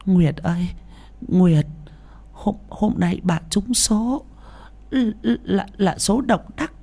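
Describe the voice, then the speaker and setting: A woman voicing a frail, timid, loving old grandmother who stammers and pleads softly in an audio story. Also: mid-range voice, slow pace, creaky. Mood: tender.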